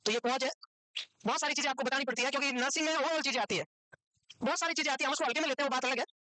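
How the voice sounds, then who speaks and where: Woman teacher, high voice, rapid delivery, quizzing and scolding a class, dry sound. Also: bright, forceful tone, no echo. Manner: quizzes and scolds students, brisk. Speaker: nursing exam teacher. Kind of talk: classroom lecture.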